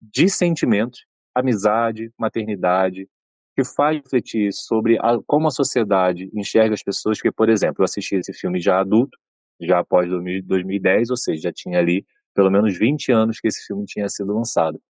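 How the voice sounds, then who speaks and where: A man in his thirties, co-host of a podcast, retelling a film at length in casual talk and voicing its characters in a raised pitch. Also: normal speed, a little mellow, dry recording. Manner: long retelling, acts out quoted lines in raised pitch.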